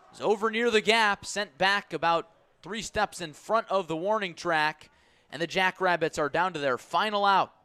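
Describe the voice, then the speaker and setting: Close on a broadcast mic with no echo, a man calls live baseball play-by-play for radio. His voice sits high with a sharp tone, and he delivers clipped, punchy phrases.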